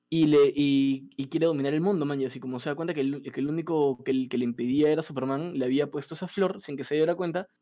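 A man retells a comic story in a casual chat, animated and full of swearing. His voice is fairly high for a man. The sound is a little dull and lo-fi.

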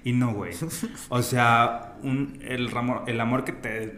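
Speaking at a measured pace, a man with a Mexican accent tells personal stories as a guest in a relaxed, slang-heavy interview, dropping "güey" often. His voice is medium-pitched and fairly bright with little pitch movement. The room adds an echo and faint ambience.

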